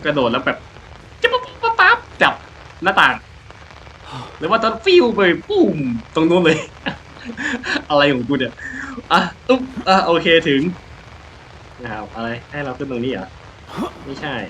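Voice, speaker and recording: A man's voice: a little high, sing-song, normal speed, long pauses, a bit bright, a little hiss or hum, poor audio. Jumpy man joking through a horror game. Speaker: game streamer. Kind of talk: horror game let's play commentary. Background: rain and thunder from the game.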